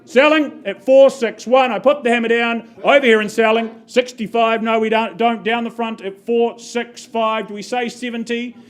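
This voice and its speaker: A woman's voice: fairly high pitch, fairly even intonation, moderate pace, hardly any pauses. A woman working as a live auctioneer, calling out bids and repeating figures in short phrases as she prompts bidders.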